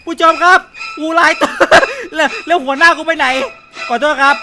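A man giving playful, excitable gameplay commentary, laughing often and using crude slang. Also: extremely high pitch, normal speed, noisy background. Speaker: gaming YouTuber. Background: background music.

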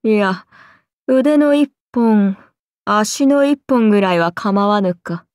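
In Japanese game voice lines, a woman plays an ancient serpent-god oni who is haughty, amused and predatory, speaking in archaic, imperious, languid phrases. Her mid-range voice is slow and darkish, lightly acted, with studio quality and no echo.

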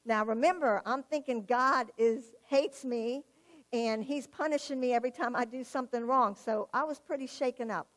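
A woman's voice: on the high side, moderate pace. A woman giving a personal testimony in church, telling her story vividly and acting out the dialogue. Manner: animated storyteller, acts out quoted dialogue, laughs at herself.

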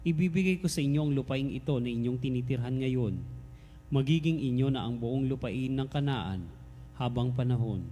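A man's voice: mid-range voice, moderate pace, dark tone. A man serving as lector, giving formal announcements and reading scripture steadily. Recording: long church reverb with faint hum.

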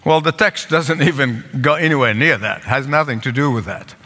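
A man's voice: medium pitch, a little fast, sharp tone. An older man with an Egyptian accent preaching a sermon from a pulpit in a large church, earnest and pleading, repeating phrases for emphasis. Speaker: pastor. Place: large church sanctuary with congregation. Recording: long church hall reverb.

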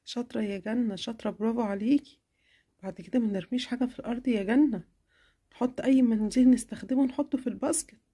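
A caring cartoon mother, as a woman puts her on, gentle and affectionate with an Egyptian accent. Her voice is pitched lower than the child's, mellow and dark in tone. She turns firm and quicker when she scolds. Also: breathy edge. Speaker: cartoon character.

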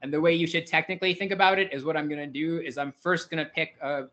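A man with a slightly high voice delivers a theory seminar in an informal, thinking-aloud way. He hedges with "sort of" and corrects himself mid-sentence as he explains. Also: fairly even intonation, quick pace, sharp tone, dull audio. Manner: informal, hedging with "sort of" and restarts. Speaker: invited speaker. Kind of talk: academic seminar lecture.

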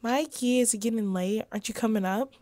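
A woman's voice: on the high side, fairly quick, darkish tone, no echo, natural voice. A woman voicing a suspicious, blunt girlfriend in a visual novel, incredulous and sweary. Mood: casual.

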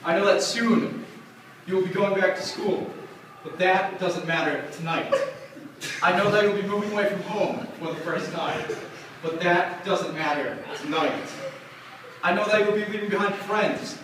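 A man's voice: high voice, unhurried, fairly bright tone. Young man's echoey locker room pep speech. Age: young adult. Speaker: amateur hockey coach giving a locker room speech. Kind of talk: halftime-style pep speech, rhetorical with a repeated refrain. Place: small bare cinderblock locker room, indoors. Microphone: camera across the room. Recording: very echoey room, distant camera mic, faint noise.

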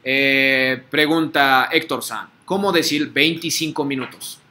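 A man's voice: medium pitch, unhurried, pushed and bright, a little hiss or hum. A man teaching a language class, patiently leading drills and checking that students follow. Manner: patient, repeats words for students to echo, frequent "¿sí?" checks. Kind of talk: online class drill, call and repeat.

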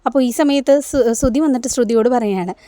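Woman narrator recapping a serial, fast and high-pitched, dry close sound, casual and chatty. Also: dark tone, dry recording. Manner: chatty, with frequent tag fillers.

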